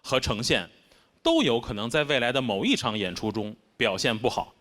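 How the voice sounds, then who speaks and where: Wry Beijing-accented stand-up comedian. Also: male voice, very animated, normal speed. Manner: wry, self-mocking delivery with sharp swings in pitch. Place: stage before a live audience. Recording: constant background noise.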